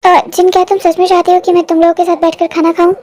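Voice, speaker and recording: A very high-voiced reader playing a hesitant, polite young man. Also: little pitch movement, fast, a little mellow.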